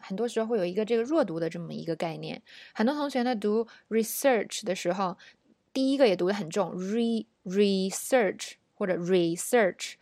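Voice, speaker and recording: A woman from China teaching English pronunciation, explaining patiently and modeling words slowly. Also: medium pitch, darkish tone, no echo, clean studio sound. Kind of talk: spoken language lesson.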